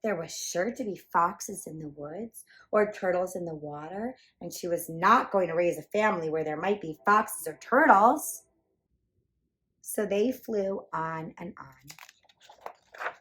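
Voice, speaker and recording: A woman storyteller reads a children's picture book aloud, animated and emphatic for young listeners. Her voice sits lowish and her pace is measured.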